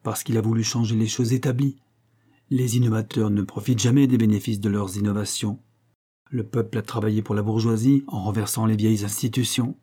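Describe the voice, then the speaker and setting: A man's voice: on the low side, fairly even intonation, fairly quick, warm tone, husky. A man voicing a skeptical aristocratic duke who lectures in a dry way.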